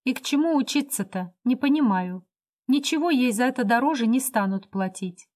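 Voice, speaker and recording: A hot-tempered young woman flares up in high, agitated bursts, voiced by a woman reading aloud. She sounds proud and indignant. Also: expressive, normal speed, a little mellow, natural voice. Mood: scornful. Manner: shrill, agitated outbursts.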